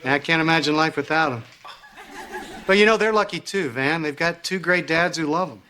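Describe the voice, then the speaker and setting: A man's voice: fairly high pitch, a little fast, natural voice. A middle-aged man acting in a sitcom as an upbeat dad, chummy, coaxing and a little smug. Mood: fond. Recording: noisy sitcom soundtrack.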